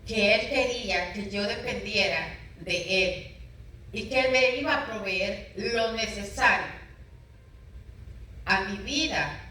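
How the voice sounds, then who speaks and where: Middle-aged woman pastor, bright voice, heartfelt storyteller; distant, very roomy sound. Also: medium pitch. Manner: emotional, storytelling with dramatic retold dialogue. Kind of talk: personal testimony in an interview. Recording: very echoey room, voice from far off.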